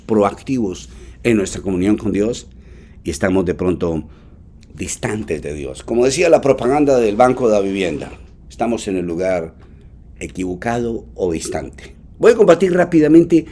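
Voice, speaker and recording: A man's voice: lowish voice, a little mellow. A man, preaching a sermon to his congregation. He leans hard on words for emphasis, talks fondly to his listeners and has them repeat lines after him. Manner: affectionate asides to the congregation. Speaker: pastor.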